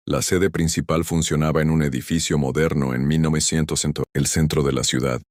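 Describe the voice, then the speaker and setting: A man narrating a sentimental scripted story in a measured, solemn way. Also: very deep voice, no room sound, clean studio sound.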